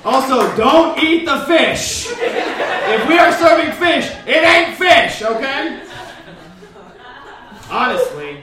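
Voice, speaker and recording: A man's voice: extremely high pitch, big pitch swings, takes it slowly, long pauses, crowd noise, heavily acted. A man performing a live comedy monologue as a sassy, brash, self-righteous lunch lady with campy indignation. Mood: mocking, sassy. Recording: very echoey live room, distant mic.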